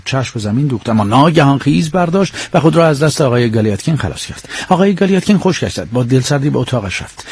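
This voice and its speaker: A man narrating a novel as an audiobook, telling the story in a measured way that drops to a hush in quiet scenes, with a husky voice. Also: mid-range voice.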